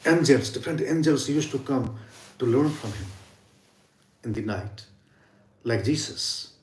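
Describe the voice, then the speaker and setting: A man's voice: mid-range voice, expressive, measured pace, darkish tone, reverberant. A man giving an earnest spiritual talk on sound healing, often dropping to near whispers for emphasis. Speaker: yoga and sound healing teacher. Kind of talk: informal spiritual teaching talk.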